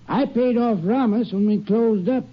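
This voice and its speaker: In a 1950s radio drama, an actor plays a nervous small-town store owner who is eager to please and hesitates constantly, filling his lines with uhs. The male voice is very high-pitched and moves at a moderate pace. The recording sounds dull and old, like vintage radio.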